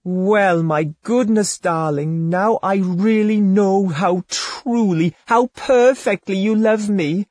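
A male narrator puts on the voice of a cunning young woman from an old storybook tale, pleading in a high, theatrical, gushing flutter that is breathy and husky with a darkish tone. He speaks slowly with hardly any pauses, recorded close and dry with no room sound.

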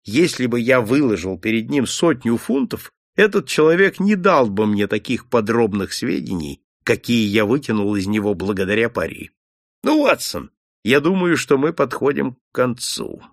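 A man voicing a shrewd, calm detective who speaks softly and kindly, in an audiobook. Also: medium pitch, moderate pace, no room sound, clean studio sound. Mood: brisk. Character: shrewd male detective, calm and gently confident. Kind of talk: audiobook character voice.

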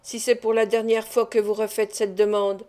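A woman's voice: medium pitch, little pitch movement, normal speed, dark tone, smooth, natural voice. A woman reading the part of a stern, proud fisherman who refuses curtly and turns angry. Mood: firm. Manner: curt, firm refusals rising to anger. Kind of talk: audiobook character reading.

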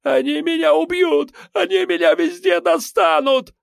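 A man's voice: normal speed, no room sound, clean studio sound, lightly acted. A man doing a squealing, terrified young crook. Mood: panicked. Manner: shrill, squealing, pleading. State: hoarse. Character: frightened young male petty crook under interrogation.

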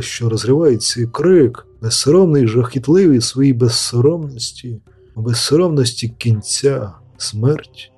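A man narrating a fantasy audiobook in a steady storytelling manner, lightly voicing the characters. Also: mid-range voice, breathy edge. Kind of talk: scripted narration.

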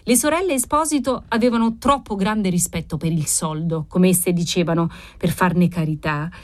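A woman's voice: lowish voice, normal speed. Woman narrating a classic novel. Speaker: audiobook narrator. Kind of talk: audiobook reading.

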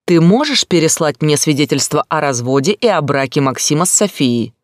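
A man voicing a distraught young woman, desperate and demanding, pleading and rising to shouts. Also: a little high, lively intonation, fairly quick, no echo, clean studio sound, natural voice. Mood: tense.

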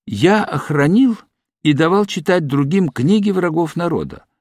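A terrified arrested doctor, voiced by a male audiobook reader, pleading in a raised, trembling voice. His pitch lurches up and down as he tips into hysterical shouts. The sound is dry and close. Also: animated, normal speed, no room sound. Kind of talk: audiobook reading.

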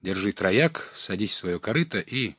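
A man's voice: on the low side, expressive, moderate pace, husky, no echo, clean studio sound. A man doing a brash, coarse camper. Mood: dismissive. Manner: loud goading shouts. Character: rowdy grey-haired camper, brash and coarse. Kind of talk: audiobook character reading.

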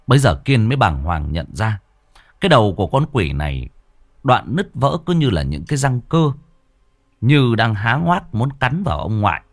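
Lively low-voiced male storyteller. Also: no room sound. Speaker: narrator. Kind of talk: scripted horror story narration. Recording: dry close voice, faint music.

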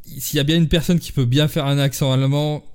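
A man's voice: fairly high pitch, steady tone, brisk, crowd noise. A man acting as game master in a casual role-play session, hesitant and often repeating himself as he thinks.

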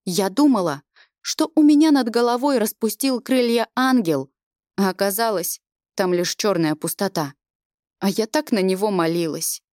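A woman voicing a proud, furious orphaned teenage girl who speaks high and loud, close to tears, in a storybook reading. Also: normal speed, dry recording, natural voice. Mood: bitter. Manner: shouting, high and tearful.

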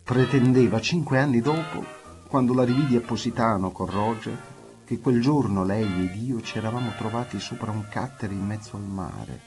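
A man reading a literary novel aloud in an intimate, measured way, slipping into the characters' dialogue as he goes. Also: on the low side. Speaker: audiobook reader.

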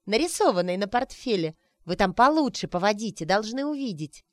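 A woman voicing an earnest, excitable young woman who is quick to take offence, talking eagerly and indignantly. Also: mid-range voice, no echo, studio quality, natural voice.

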